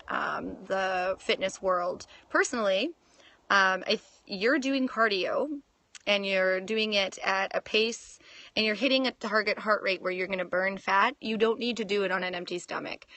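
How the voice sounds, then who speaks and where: A woman's voice: medium pitch, pushed and bright, no room sound. A woman in her thirties from Canada, hosting a casual fitness livestream, reading viewer comments and laughing often. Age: 30s. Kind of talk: casual live Q&A. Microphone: phone.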